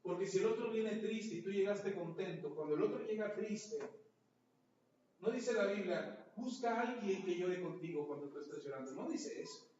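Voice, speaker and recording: High-voiced pastor preaching in an echoey church. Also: male voice, lively intonation, moderate pace, a little mellow. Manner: rhetorical questions to the congregation, acts out quoted voices. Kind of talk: sermon. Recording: echoey church hall, mic far off, dull and noisy.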